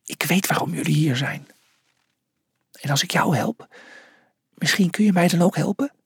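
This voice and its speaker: Sly monkey lady, hushed, hissing, soft, acted by a man. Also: a little high, big pitch swings, a little slow, slightly rough, full character voice. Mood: secretive. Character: sly female monkey fighter.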